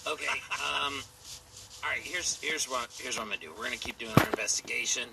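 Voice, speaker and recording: A man with a chest cold and a gruff voice, playing a tabletop game with casual, rambling jokes. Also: mid-range voice, brisk. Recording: distant mic with loud noise.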